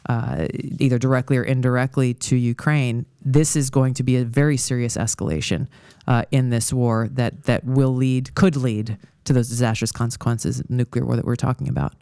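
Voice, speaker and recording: Measured male podcast guest with a smooth, clear voice and a dry, close sound. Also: medium pitch, steady tone, dark tone, no room sound. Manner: measured, with hesitant restarts before long points. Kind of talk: political discussion.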